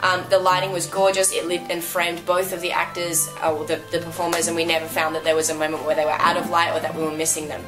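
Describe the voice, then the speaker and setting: Casting: woman, lowish pitch, casual review co-host, gushing and emphatic, clear music underneath. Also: completely flat delivery, quick pace, hardly any pauses, poor audio. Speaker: co-host reviewing a dance show.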